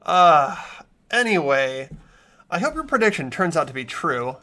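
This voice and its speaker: At a measured pace, a young man speaks with a fairly high, bright and forceful voice full of big pitch swings. He hosts a game playthrough, reading story narration aloud and chatting casually between passages.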